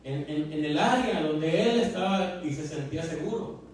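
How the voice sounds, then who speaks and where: A man's voice: on the high side, normal speed. A man preaching a sermon as pastor, fervent and repetitive, full of fillers and questions to the congregation. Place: church hall. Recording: very echoey hall, mic far off.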